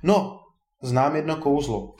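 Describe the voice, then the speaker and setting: A man voicing a kindly, teasing old male wizard in a storybook tale, a bit higher than his narration. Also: darkish tone, natural voice. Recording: roomy echo.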